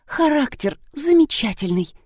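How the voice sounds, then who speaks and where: A woman voicing an excitable older woman who dotes on her cat, pitched high and shrill. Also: a little slow, no echo, clean studio sound. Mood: doting. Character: frantic older woman, doting cat owner.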